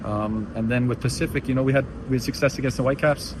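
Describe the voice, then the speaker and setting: A man's voice: mid-range voice, fairly even intonation, quick pace. A young man from Belgium, a professional footballer, answering post-match interview questions thoughtfully with many restarts. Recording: noisy outdoor stadium interview.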